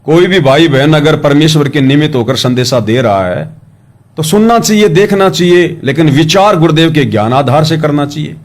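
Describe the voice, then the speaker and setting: Brief: man, slightly high voice, humble and earnest devotional speaker addressing followers. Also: lively intonation, moderate pace. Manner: earnest, humble, calls himself a servant.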